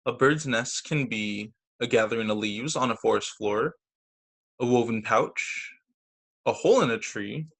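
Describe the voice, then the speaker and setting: Reading picture books to children through a video call, this teacher speaks in an unhurried, medium-pitched voice with vocal fry. He is expressive, performs the quoted lines, and comments casually on the illustrations.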